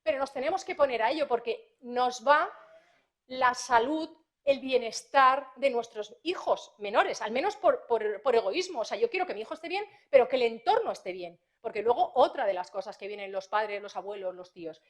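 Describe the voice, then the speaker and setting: A woman prosecutor, giving a conference talk to parents in a lively, anecdotal way, acting out dialogues as she goes. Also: fairly high pitch, moderate pace.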